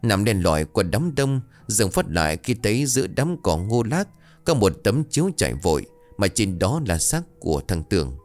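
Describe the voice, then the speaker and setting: A man reads a scripted ghost story aloud, keeping a steady storytelling pace. His voice sits low and calm. Soft music plays faintly behind him. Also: normal speed. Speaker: narrator.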